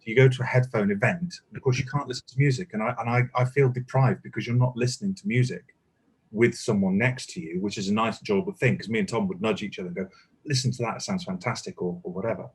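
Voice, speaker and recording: Husky man telling anecdotes. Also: lowish voice, fast. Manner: anecdotal, swears casually, animated storytelling. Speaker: guest. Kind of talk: casual chat. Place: indoors, relaxed group chat.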